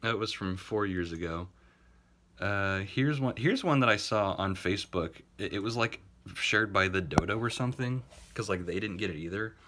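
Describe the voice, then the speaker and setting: A man's voice: fairly low pitch, animated, normal speed, bright, forceful tone, slight background noise. A man making a casual commentary video, talking sarcastically with swearing and laughing asides. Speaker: YouTube commentator.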